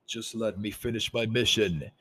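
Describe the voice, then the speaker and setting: A man voicing a vengeful, defiant male flying creature in a scornful, low tone. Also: steady tone, normal speed, a bit bright, slightly rough.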